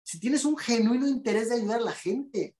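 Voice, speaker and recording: A man with a Mexican Spanish accent speaks as a guest on a podcast. He tells his story with animated indignation and slips into the voices of the people he quotes. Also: very high-pitched, moderate pace. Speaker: podcast guest, clinical psychologist. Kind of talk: conversational storytelling.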